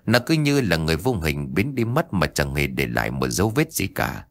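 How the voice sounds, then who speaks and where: A man narrating a ghost story aloud, expressive and acting out each character. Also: a bass voice, brisk, no room sound. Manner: expressive, acts out every voice.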